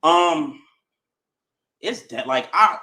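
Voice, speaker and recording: A man in his twenties, calling into a dating stream, talking softly and trailing off with lots of fillers. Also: on the high side, animated, very slow. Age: 20s. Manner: trailing off, soft, hesitant. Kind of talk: casual chat.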